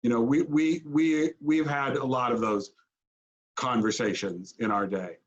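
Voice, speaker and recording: A man speaking earnestly as a talent agent in a town hall on a video call, often restarting his sentences. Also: mid-range voice. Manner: earnest, halting, many restarts. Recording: dull lo-fi video call audio.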